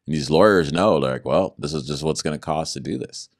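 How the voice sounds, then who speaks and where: A man with a very deep, low-pitched voice tells his story as an interview guest. He talks in an animated, conversational way, acting out the back-and-forth he recounts and breaking into a laugh now and then. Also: a little fast. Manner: animated, acts out quoted exchanges, laughs between points.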